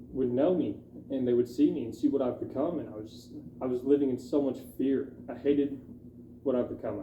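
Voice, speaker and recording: A young man telling his personal testimony in a halting, candid way, with many fillers. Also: mid-range voice, dark tone, a little hiss or hum. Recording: dull echoey room recording.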